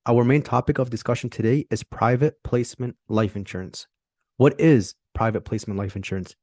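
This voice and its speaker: A man hosting a podcast who reads a scripted intro and then asks questions in a relaxed way. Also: mid-range voice, fairly quick, no room sound, studio quality. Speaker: podcast host.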